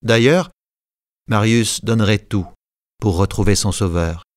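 A man narrating a classic story in a measured reading, giving short lines to the characters. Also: fairly low pitch, no echo, studio quality. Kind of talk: scripted narration.

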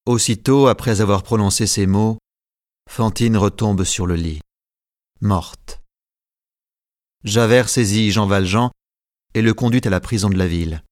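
Male narrator, fairly low voice, dry close sound, measured scripted storytelling. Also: darkish tone, no room sound.

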